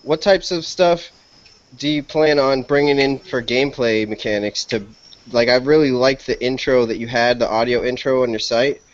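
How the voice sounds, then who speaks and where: A man's voice: medium pitch, moderate pace. A man with a Boston accent hosting a casual podcast interview, asking long, rambling questions. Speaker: podcast host. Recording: dull lo-fi dry podcast audio.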